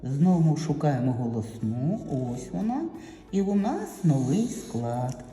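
A woman preschool teacher leading a children's syllable lesson, speaking slowly in an encouraging, sing-song way. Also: low voice, big pitch swings. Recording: echoey hall, distant mic, soft music.

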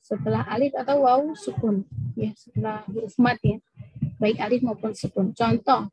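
A woman's voice on the high side, steady in tone, a little mellow and slightly rough, teaches Quran recitation rules at a mosque session for women. She demonstrates Arabic sounds patiently, drawing out recited example words in this tajweed lesson. The audio is poor, with no room sound.

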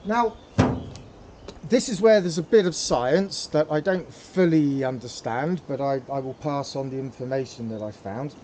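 A man's voice: mid-range voice, unhurried, noisy background. A man hosting a casual how-to demonstration, talking hesitantly with many fillers and repeated words. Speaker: pipe tobacco hobbyist, channel host.

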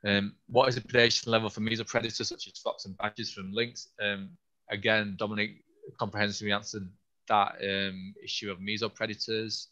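Low flat-voiced man, slightly hoarse. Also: dull audio. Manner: halting, with frequent restarts and fillers. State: losing his voice a little. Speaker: scientist and event host answering questions. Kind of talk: online Q&A. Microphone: video call.

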